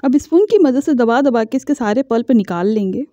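A woman, the host of a cooking channel, calmly explaining each step of a recipe in a home-kitchen voice-over. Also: fairly high pitch, fairly quick, no room sound. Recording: dull lo-fi voice-over.

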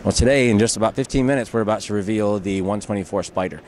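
Fast-talking deep-voiced man pitching cars. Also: a little mellow, slight background noise. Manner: upbeat, salesy, uses "uh" fillers. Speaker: auto brand representative. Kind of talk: promotional interview answers. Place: busy indoor auto show floor. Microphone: handheld mic held by interviewer.

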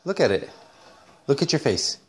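A man's voice: medium pitch, sing-song, moderate pace, very noisy. A man, a father filming his small child at home, asking playful teasing questions in a silly, mock-pleading way. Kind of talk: playful home-video chat with a toddler.

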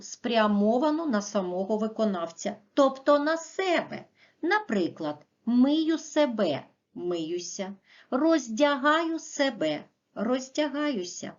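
Woman primary teacher, measured and precise, rising and falling voice, muffled lo-fi recording. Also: fairly high pitch. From Ukraine. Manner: clear, slow and deliberate, stressing word endings. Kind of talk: recorded video lesson for children. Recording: dull, muffled lo-fi audio.

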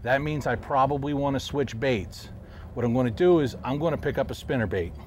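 A man's voice: medium pitch, fairly quick. Middle-aged man explaining fishing on a boat. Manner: calm, explanatory, talks while casting. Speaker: professional angler, fishing show host. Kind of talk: instructional fishing commentary. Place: outdoors on a boat on a river. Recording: faint outdoor noise.

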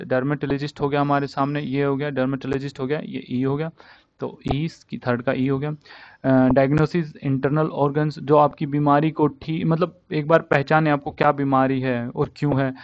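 A man's voice: mid-range voice, little pitch movement, moderate pace, dry recording. A male teacher giving a casual spoken vocabulary lesson, mixing Hindi with English and repeating each word over and over to drill its pronunciation. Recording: dull, dry, lo-fi sound.

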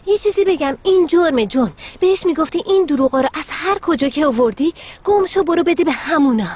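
A woman's voice: sits high, darkish tone. A young woman dubbing a grown daughter who talks back insistently and defends herself. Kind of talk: Persian dub of a TV series.

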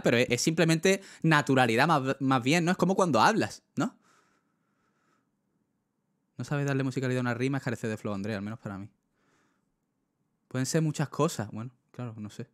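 A man's voice: mid-range voice, a bit bright, no room sound, clean studio sound. A young man with a Spanish accent chatting casually on a livestream, rambling with lots of fillers and talking straight to his chat. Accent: Spain. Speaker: streamer.

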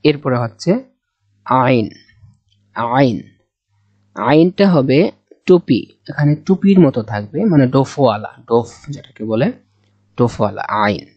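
A Bangladeshi Bengali-accented man teaching Quran letters slowly and patiently, sounding out each letter several times for learners. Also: medium pitch, animated, darkish tone, no echo. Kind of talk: slow step-by-step letter lesson. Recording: dull dry close recording.

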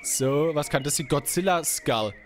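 A man hosting a casual Minecraft let's play, joking loudly, with sudden outbursts and silly voices. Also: fairly high pitch, moderate pace. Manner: goofy, loud, jokey outbursts and silly voices. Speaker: gaming YouTuber host. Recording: game music behind the voice.

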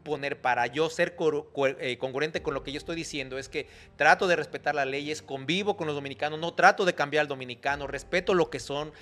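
A man's voice: fairly high pitch, brisk, few pauses, a bit bright. Earnest panelist, middle-aged man. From Mexico. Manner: earnest, explanatory, talks over others. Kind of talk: heated panel debate. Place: dark studio. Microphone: desk mic on boom arm.

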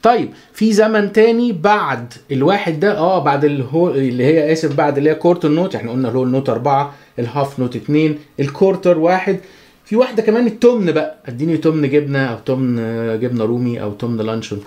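A man with an Egyptian Arabic accent giving a chatty, joking guitar lesson, counting the beats out loud. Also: a little high, expressive, racing. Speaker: guitar teacher. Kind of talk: casual spoken music lesson.

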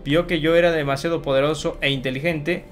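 A young man giving excited Minecraft gameplay commentary, shouting and pleading at the game and talking to his viewers. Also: fairly high pitch, a little fast, soft background music. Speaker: gaming youtuber.

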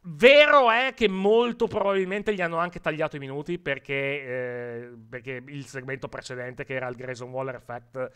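A man's voice: mid-range voice, steady tone, moderate pace, few pauses, a bit bright, smooth. A man co-hosting a casual live wrestling post-show chat, rambling and repeating words, often laughing, with an Italian accent.

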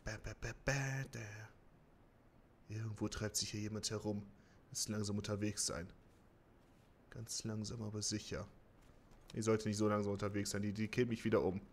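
A man commenting on his own online gameplay live, muttering quietly at times and breaking into panicked shouting and swearing, with self-mocking jokes. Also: lowish voice, level tone, normal speed, long pauses, a little hiss or hum. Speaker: streamer.

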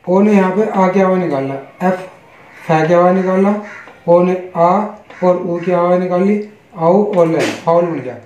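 Slow, high-voiced Indian English teacher. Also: male voice, a little mellow, slight background noise. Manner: spells words letter by letter, then gives Hindi meanings; slow, deliberate, repetitive teaching. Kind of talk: online English pronunciation lesson. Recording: echoey, dull lo-fi room.

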